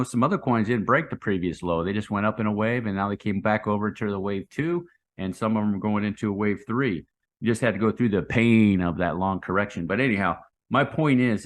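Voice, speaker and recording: Male crypto bro commentator, slightly low register, off-the-cuff and hyped, buddy-style slang, repeats himself for punch. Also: fairly bright tone. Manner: hyped, slangy crypto bro talk, saying 'man', 'dude' and 'guys'; rambling, repeats phrases for emphasis. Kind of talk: casual unscripted market commentary.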